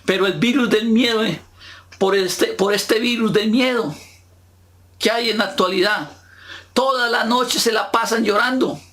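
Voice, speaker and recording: A male pastor delivers a sermon in a notably high voice. He speaks slowly and deliberately, leaning on rhetorical questions to the congregation. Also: bright, forceful tone. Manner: slow, emphatic preaching with rhetorical questions to the congregation.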